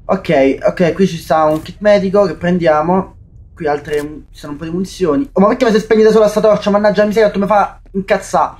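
A young Italian man with a high, darkish voice talks quickly as he commentates a shooter for his YouTube gaming channel. Jumpy and swearing, he calls his viewers "raga" in this let's play, with faint gunfire and game noise in the background.

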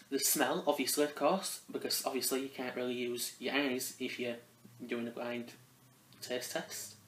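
A man giving a casual spoken product review, rambling and hesitant, often restarting his phrases. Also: mid-range voice. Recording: roomy echo.

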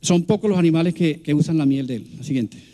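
Male biologist, high-pitched, explains slides in a patient, hesitant lecture style. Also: warm tone. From Colombia. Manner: explanatory, halting with fillers and restarts. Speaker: biologist guest speaker. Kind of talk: public science lecture with slides. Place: large public event hall.

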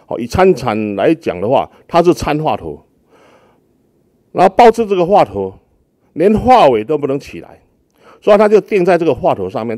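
A male abbot speaks in a mellow, darkish voice, patiently explaining meditation practice. His pitch rises and falls in a lively way, and he often pauses on long drawn-out fillers. The sound is dry and close. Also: dry recording. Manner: gentle teaching tone with frequent drawn-out fillers. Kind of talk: explaining Buddhist practice in an interview.

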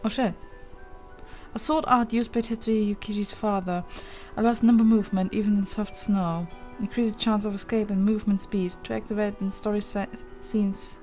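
A woman hosting a gaming video speaks at medium pitch and normal speed, her tone steady, over loud game music. She gives casual let's play commentary, bantering with the game in a sweary, exasperated way and reading on-screen text aloud.

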